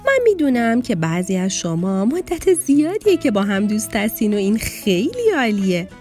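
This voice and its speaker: Woman voicing a calm gentle fish teacher in a kids story, patient lecturing tone, fairly lively voice. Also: medium pitch, faint music behind, lightly acted. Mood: teaching. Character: kind, patient female fish schoolteacher. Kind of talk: children's storybook acting.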